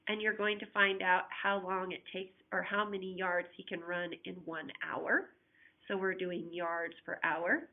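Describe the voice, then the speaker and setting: On the low side, a woman math teacher's voice comes through tinny and phone-like in a recorded flipped-classroom lesson. She patiently explains unit conversions step by step and asks students to check along, interrupted by repeated coughing.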